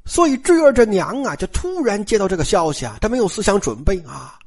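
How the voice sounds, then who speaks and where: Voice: mid-range voice, big pitch swings, a little fast, a little mellow, slightly rough. Chatty storyteller. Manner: chatty, rhetorical asides. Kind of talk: colloquial storytelling lecture.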